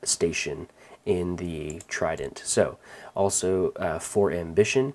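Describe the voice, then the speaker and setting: A man hosting a let's-play, calmly talking through his moves with many ums and restarts. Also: deep voice, takes it slowly. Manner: relaxed, rambling, many fillers and restarts. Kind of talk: casual gameplay commentary.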